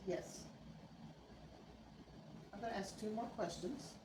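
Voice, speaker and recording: A woman's voice: mid-range voice, slow. A woman acting as interviewer, plainly reading out questions sent in by viewers. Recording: noisy, echoey room, far from microphone.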